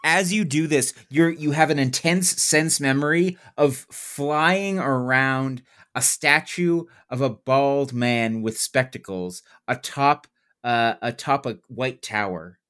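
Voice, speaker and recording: A man's voice: mid-range voice, slow, fairly bright tone. A man running a tabletop game, narrating scenes descriptively and playfully to the players. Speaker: game master.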